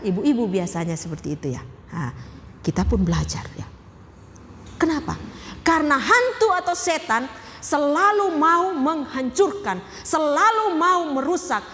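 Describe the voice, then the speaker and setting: A woman's voice: sits high, sing-song, measured pace, fairly bright tone, in a large hall, slight background noise. A woman pastor giving a sermon. She speaks emphatically, asks the congregation questions and repeats key phrases.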